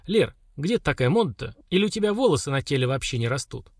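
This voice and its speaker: A man's voice: medium pitch, very animated, quick pace, breathy edge, no echo, clean studio sound. A man voicing a stern, mocking older woman warrior who scolds the girls. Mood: scolding.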